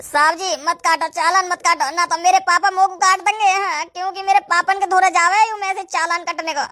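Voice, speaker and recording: A woman's voice: very high-pitched, fairly even intonation, a little fast, pushed and bright. A woman voicing an anxious young man who stammers and frets. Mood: panicked. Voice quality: worried, stammering.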